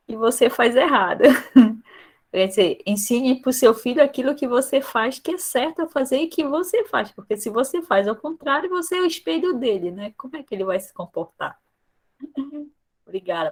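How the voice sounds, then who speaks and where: A woman's voice: high voice, rough recording. A woman leading a devotional group discussion. She talks informally and calls on each member to speak. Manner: warm, informal, passes the word to others.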